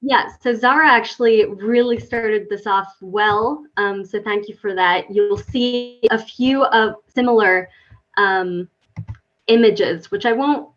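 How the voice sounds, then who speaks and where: A woman scientist born in Finland speaking on a webinar panel, pausing and restarting often as she talks about her work. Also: medium pitch, a bit bright, soft background music. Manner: hesitant, many restarts and fillers. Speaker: guest scientist. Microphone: video call. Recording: dull lo-fi video call audio.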